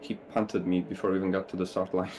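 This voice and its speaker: A man with a very low, flat voice explains his qualifying mistakes to his fellow drivers. He talks in long run-on sentences, steady and even throughout. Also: quick pace, slight background noise. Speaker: sim racing league driver. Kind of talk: casual voice chat before a sim race.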